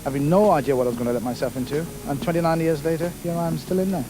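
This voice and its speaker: A middle-aged man from Kenya, a navy petty officer answering interview questions in an unhurried, hesitant way with many fillers. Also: a little high, music in the background, low-quality recording.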